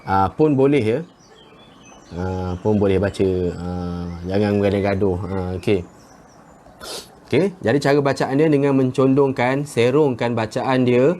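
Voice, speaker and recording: A man teaching Quran recitation in a live lesson from a garden, relaxed and chatty, drawing out example words slowly. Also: mid-range voice, slight background noise. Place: outdoors in a garden with birdsong. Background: birdsong.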